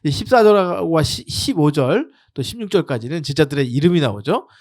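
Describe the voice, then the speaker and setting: Animated pastor with a high, lively voice. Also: male voice, normal speed, no room sound, studio quality. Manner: explains with rhetorical questions, leads prayers and blessings; frequent fillers and self-corrections. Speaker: pastor and seminary teacher. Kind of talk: expository sermon to a congregation.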